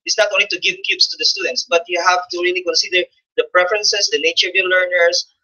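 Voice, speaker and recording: A man's voice: high voice, steady tone, quick pace, sharp tone. A man answering an audience question in a thoughtful, hesitant way. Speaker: workshop presenter answering questions. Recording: dull lo-fi classroom recording.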